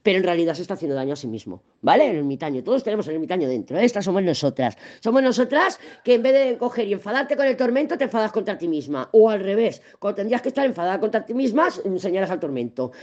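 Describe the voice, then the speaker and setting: A woman's voice: mid-range voice, sing-song, fast talker, few pauses, a little mellow, highs cut off. A woman with a Spain Spanish accent giving a casual tarot reading, chatty and rambling, swearing freely as she talks. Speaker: tarot and astrology reader.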